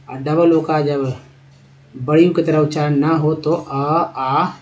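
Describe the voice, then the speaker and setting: Male phonics teacher, slightly high voice, patient question-and-answer delivery in Hindi. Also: darkish tone, highs cut off. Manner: explains slowly, asks questions and answers them himself; drags out words and syllables when sounding them out. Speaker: English teacher. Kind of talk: Hindi-medium phonics lesson.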